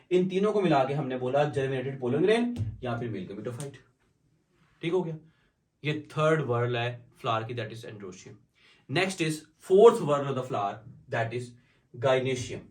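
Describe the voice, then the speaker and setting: A male biology teacher giving a classroom lecture, asking and answering his own questions and slowing down to dictate definitions. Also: mid-range voice, lively intonation, darkish tone. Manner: explains in mixed Hindi and English, asks and answers his own questions; slows down to dictate English definitions. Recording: echoey room from far off.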